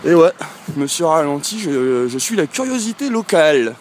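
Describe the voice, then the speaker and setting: A man's voice: fairly high pitch, very animated, moderate pace, a little hiss or hum. A man from France, a travel vlogger, chatting casually to a handheld camera as he walks through a village street, rambling and often hesitating. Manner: talking while walking.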